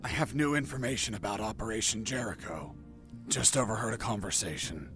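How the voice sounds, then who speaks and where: An actor playing a wry, cool-headed secret agent on the run in a video game, with terse deadpan delivery. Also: male voice, fairly low pitch, a little fast, close to an everyday voice. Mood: tense, focused. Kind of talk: video game dialogue and narration. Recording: music behind.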